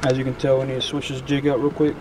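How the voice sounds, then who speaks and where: A fishing vlogger talks fast in a medium-pitched voice while filming outside near ponds. He's casual and slangy, relaxed overall yet excited about what he catches, and the camera's outdoor audio is noisy.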